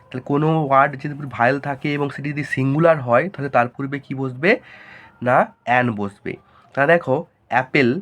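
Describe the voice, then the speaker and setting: A man teaching a grammar lesson, asking questions and answering them himself in a lower voice. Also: fairly bright tone.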